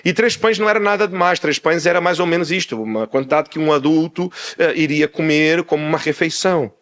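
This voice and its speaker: Loud animated male pastor preaching. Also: a little high, brisk. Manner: animated, acts out little dialogues; speaks loudly by habit. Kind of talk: sermon. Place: church in Portugal.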